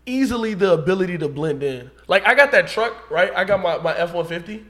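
Excitable slangy young man, high voice. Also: brisk. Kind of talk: casual chat.

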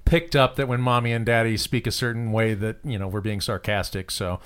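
A man's voice: fairly low pitch, brisk, clear, resonant tone. Dry, sarcastic man podcast co-host. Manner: dry sarcastic humor, relaxed storytelling. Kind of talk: casual chat.

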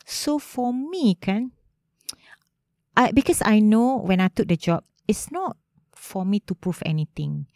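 A woman's voice: mid-range voice, lively intonation, a little slow, a little mellow, no room sound, clean studio sound. A woman with a Malaysian accent giving informal interview answers in Manglish, mixing in Malay words and particles, often saying "you know". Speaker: interview guest, head of a startup agency.

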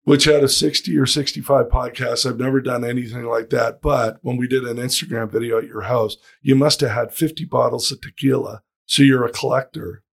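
A middle-aged man with a hoarse, raspy voice that is nearly gone, chatting casually as a podcast host. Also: mid-range voice, fairly even intonation, a little fast, hardly any pauses. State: hoarse, losing his voice. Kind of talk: casual interview chat.

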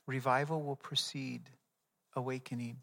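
Pastor guy preaching, punchy and emphatic, bright tense voice, big echo in the room. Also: mid-range voice, flat delivery, moderate pace, creaky. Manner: emphatic, swells loud then drops to a soft prayer. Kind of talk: sermon.

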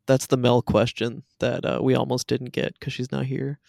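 A man's voice: medium pitch, flat delivery, normal speed, gravelly, a little mellow, no echo, studio quality. A man hosting a casual podcast discussion, talking in a reflective, self-deprecating way, with music behind him. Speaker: podcast host.

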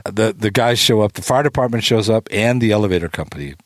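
Man, lowish voice, dry close sound, animated storyteller doing quotes. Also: fast talker, dry recording. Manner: animated storyteller, acts out quotes, swears freely. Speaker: storytelling guest. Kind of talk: casual anecdote telling.

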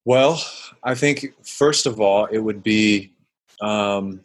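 Speaking slowly in a lowish voice, a guest who once played basketball and now coaches mindfulness responds to interview questions. He reflects and gropes for words, restarting often and filling gaps, occasionally performing his inner voice.

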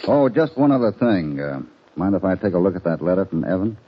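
An actor playing the calm, dry-witted cowboy hero Hopalong Cassidy in an old radio drama. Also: male voice, deep voice, fairly quick, background noise. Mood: probing. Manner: easygoing, probing. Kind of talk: 1940s radio acting. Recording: dull lo-fi old radio recording.

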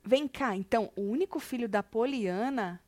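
A woman's voice: a little high, normal speed, darkish tone, no echo. A woman co-hosting a celebrity gossip show, chatty and teasing, reading out viewer comments.

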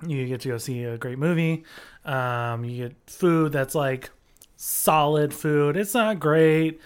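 A casual podcast co-host who rants heatedly and swears freely. The speech rambles, full of "like" and "um", at a middle pitch. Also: slow pace, clean tone. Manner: profane, ranting, heated; rambling with many fillers.

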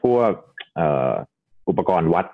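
A man, a doctor guest on a podcast, patiently explaining injuries step by step in a casual, polite way. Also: a little slow. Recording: tinny phone-like line.

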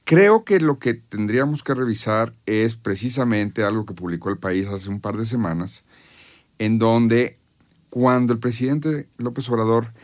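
A Mexican man speaks in a medium-pitched voice as a panel analyst. He lays out political arguments conversationally, explaining step by step and pressing his point. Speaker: panel commentator.

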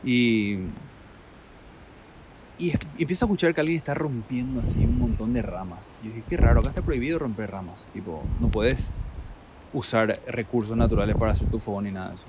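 A man telling a travel story in a casual, animated way, acting out quotes and laughing. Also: mid-range voice, a little fast, background noise.

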